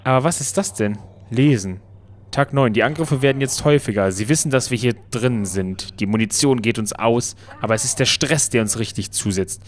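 A man casually commenting on his own gameplay, playful and excitable, talking back to the game. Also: medium pitch, moderate pace. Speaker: Let's Play commentator.

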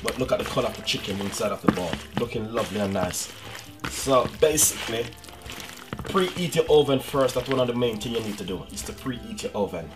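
A man's voice: mid-range voice, animated, fairly quick, over loud music. A middle-aged man from Jamaica with a Jamaican accent, chatting casually as he demonstrates a recipe on his cooking channel and often calling out to his viewers. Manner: chatty, repeats "guys" and "you know what I mean".

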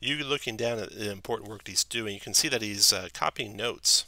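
A man's voice: lowish voice, a little fast, sharp tone, no room sound. A man narrating a tabletop game as game master, describing scenes and sometimes correcting himself.

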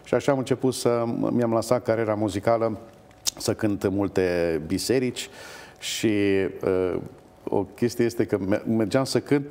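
Low-voiced man telling lively stories. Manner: animated anecdotes with hesitations. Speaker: guest, opera bass-baritone. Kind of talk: storytelling in a TV interview.

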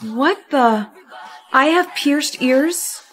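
A text-to-speech woman with a slightly high voice reads a storytime tale. Her delivery is even and clipped, in a clearly synthetic tone. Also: very slow, soft background music.

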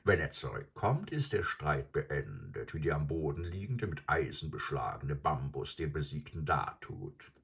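A man voicing a huge, boastful and sly old male crocodile who tells his tale slowly and savors it. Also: very deep voice, big pitch swings, gravelly, fairly bright tone, breathy edge, exaggerated voice. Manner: slow, savoring storyteller.

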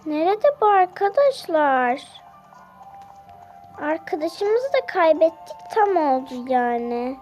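Child girl vlogger, very high and unhurried, repeats her questions while she plays. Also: big pitch swings, darkish tone, faint music behind, poor audio. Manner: searching aloud, repeating questions. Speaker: game vlogger. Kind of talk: casual gameplay commentary.

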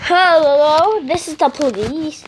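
A woman's voice: high voice, slight background noise. A woman playing a fussy police dispatcher. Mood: helpful. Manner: halting, with many fillers. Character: toy-play police dispatcher, fussy and helpful.

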